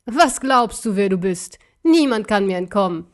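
A woman voicing a cruel ancient male emperor in a young man's body, talking slowly and with menace. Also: medium pitch, lively intonation, close to an everyday voice. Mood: menacing. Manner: slow, menacing, sneering.

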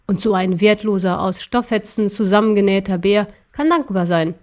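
A woman voicing an arrogant, cruel ancient emperor in an audiobook, speaking slowly and scornfully. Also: medium pitch, darkish tone, close to an everyday voice. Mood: gloating. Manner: slow, scornful and gloating. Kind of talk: audiobook character voice.

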